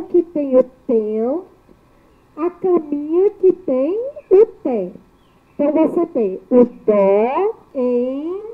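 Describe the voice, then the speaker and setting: Over thin, phone-like audio, a woman teacher leads a children's spelling lesson in a high-pitched voice. She sounds out each syllable slowly and clearly, in a sing-song way.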